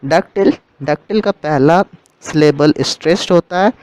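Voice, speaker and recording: A man's voice: a little high, moderate pace, a little mellow, no room sound, rough recording. A man teaching a literature lesson, explaining terms step by step and rephrasing them as he goes.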